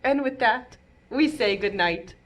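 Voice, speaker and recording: A woman reads aloud and chats with young children at storytime, playful and animated like a children's librarian. Her voice is on the high side and a bit bright, with lively intonation and a slightly slow pace.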